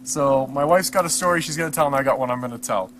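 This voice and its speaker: A man's voice: mid-range voice, fast, slight background noise. A man hosting a camping vlog, telling a story by the fire in a casual, chatty way outdoors at a winter campsite. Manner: chatty, animated when telling stories. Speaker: channel host.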